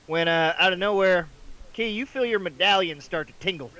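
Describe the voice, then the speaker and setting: A man's voice: high voice, moderate pace, bright, forceful tone, low-quality recording. A man running a tabletop game as game master, casual, joking and profane in his narration.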